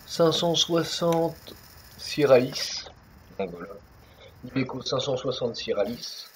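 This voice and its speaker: A man's voice: medium pitch, lively intonation, takes it slowly, a little hiss or hum, rough recording. A young man casually commenting on a truck driving game, rambling with many fillers and restarts. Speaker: gaming youtuber. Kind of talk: casual let's-play commentary.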